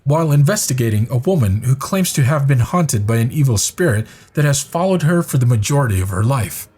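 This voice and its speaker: A man reading scripted narration for a countdown video in a measured, even storytelling manner. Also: mid-range voice, slightly rough.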